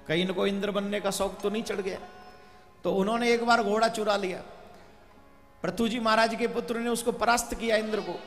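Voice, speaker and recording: Animated preacher, high voice in a hall. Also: male voice, creaky. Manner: animated, rhetorical questions, chants verses. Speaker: religious storyteller preacher. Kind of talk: devotional sermon storytelling. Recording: reverberant hall with faint music.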